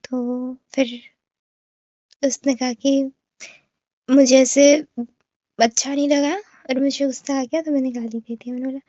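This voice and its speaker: A woman's voice: high voice, fairly even intonation, measured pace, pauses often, mellow, dry recording, highs cut off. A woman telling a story to her viewers in a casual, rambling way, full of fillers and restarts, often speaking to the listener directly. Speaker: gamer recounting an online incident.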